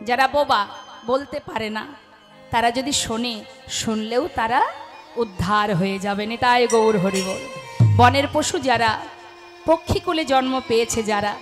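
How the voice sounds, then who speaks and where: A woman kirtan singer giving a devotional sermon to a gathered audience, asking questions and answering them herself, often with light laughter. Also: fairly high pitch. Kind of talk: devotional sermon between chants. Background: devotional music accompaniment.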